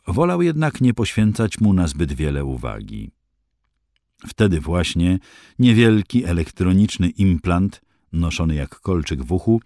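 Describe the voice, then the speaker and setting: A man reading an audiobook with steady, scripted narration. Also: deep voice, dry recording, clean studio sound.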